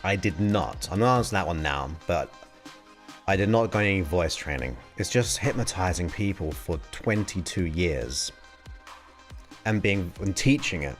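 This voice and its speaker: During a live question-and-answer stream, a fortysomething man with a low, unhurried voice talks casually and animatedly, musing to himself and reading viewers' questions along the way. Faint, soft music sits behind him.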